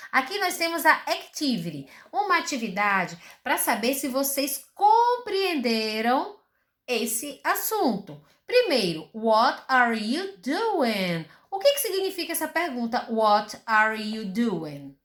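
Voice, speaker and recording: Brazilian woman teacher, fairly high voice, slow and patient, asks rhetorical questions. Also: fairly bright tone. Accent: Brazilian Portuguese. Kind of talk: recorded school lesson.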